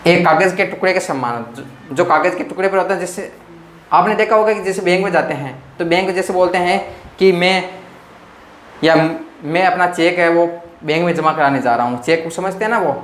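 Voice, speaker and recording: High-voiced teacher, echoey room. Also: male voice, a little fast, a bit bright. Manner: repetitive question-and-answer teaching, addressing viewers as friends. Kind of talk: exam-prep grammar lesson. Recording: echoey room with faint noise.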